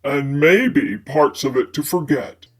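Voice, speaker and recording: Woman reader doing a smooth gallant 50s guy, low and coaxing, takes his time. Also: expressive, slow pace, heavily acted. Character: suave protective 1950s man, gallant and teasing.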